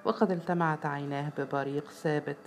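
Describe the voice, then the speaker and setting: A woman with an Egyptian accent narrating a story in a steady, storytelling way. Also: deep voice, a little fast. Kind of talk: story reading.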